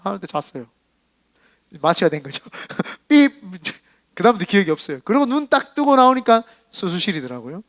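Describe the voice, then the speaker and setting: A middle-aged man from South Korea preaching a sermon as pastor, telling a personal story and acting out the dialogue with swings in loudness. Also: sits high, sing-song, fairly quick, no room sound. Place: church.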